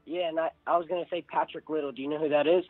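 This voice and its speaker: Higher-pitched male radio phone-in caller. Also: fairly even intonation, racing, no echo, narrow, tinny audio, faint music behind. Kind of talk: casual opinionated phone-in remarks. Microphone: phone call.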